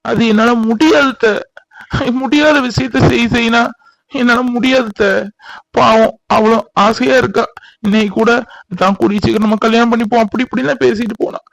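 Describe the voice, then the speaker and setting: Man acting young village man, high voice, earnest, emotional, cartoon. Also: steady tone, a little fast, gravelly, no echo, low-quality recording. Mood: refusing. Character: devoted young village man, torn and heartbroken.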